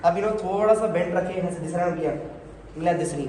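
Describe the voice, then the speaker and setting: Here the prayer instructor sounds high-pitched, quick and warm, demonstrating each step to his group and nudging or correcting them as he goes. The recording carries the echo of a hall and a faint hum of noise.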